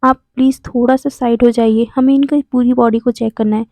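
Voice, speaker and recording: Woman voicing a calm formal male doctor. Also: a little high, a little fast, no room sound, close to an everyday voice. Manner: formal, soothing. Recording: dull lo-fi, dry sound.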